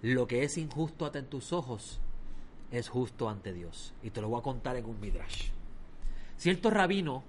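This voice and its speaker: A man preaching a sermon, telling stories with lively swings between loud emphasis and quiet asides. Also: medium pitch, a little slow, slight background noise.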